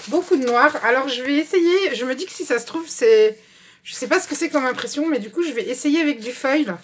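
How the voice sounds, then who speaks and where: Woman vlogger, relaxed chatty haul talk, higher voice, faint background hiss. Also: a little fast. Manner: chatty, many fillers, shows items one by one. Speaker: craft vlogger. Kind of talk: casual haul video. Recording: faint background noise with clicks.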